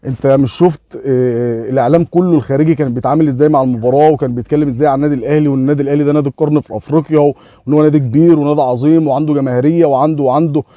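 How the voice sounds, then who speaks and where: Fast-talking Egyptian man telling a story. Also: fairly high pitch, dry recording, lo-fi sound. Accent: Egyptian Arabic. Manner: animated retelling with quoted dialogue and repeated "ya 3am" fillers. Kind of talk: casual story told to camera.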